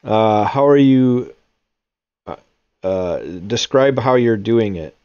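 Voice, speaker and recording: Male game master, unhurried casual tabletop narration, dry and slightly dull recording. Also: fairly low pitch, lively intonation, clear, resonant tone, no echo.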